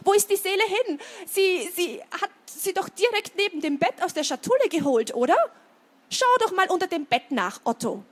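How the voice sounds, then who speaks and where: A loud, bossy storybook grim reaper, put on by a woman reading a children's book. He is hasty and flustered and trips over his words when startled. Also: very high voice, big pitch swings, moderate pace, voice pushed up. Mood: alarmed. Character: bumbling male grim reaper, bony and hasty.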